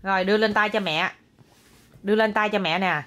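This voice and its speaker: A woman's voice: medium pitch, fairly quick, bright, forceful tone. A young woman at home talking to her small child, coaxing and scolding as a mother. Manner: coaxing, scolding and exclaiming at a toddler. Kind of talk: casual home video.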